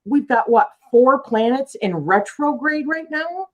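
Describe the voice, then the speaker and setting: A woman's voice: high voice, lively intonation, measured pace. A woman hosting a casual live-stream chat, talking loosely, laughing easily and reading out viewer comments. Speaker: host of a live chat show.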